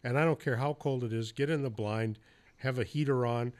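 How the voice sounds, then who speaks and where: A man's voice: mid-range voice, brisk, a little mellow. A man hosting a podcast, telling hunting stories in a loose, casual way with the odd curse and laugh. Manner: storytelling, loose and profane, with laughs. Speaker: podcast host. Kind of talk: casual interview chat.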